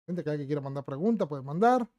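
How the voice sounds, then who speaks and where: Hosting a casual livestream, a man from La Plata with an Argentine Spanish accent answers viewer questions bluntly and sprinkles in Portuguese words. His voice is a little high and dark in tone, with lively intonation and a fast delivery. The lo-fi audio has no room sound and soft music in the background.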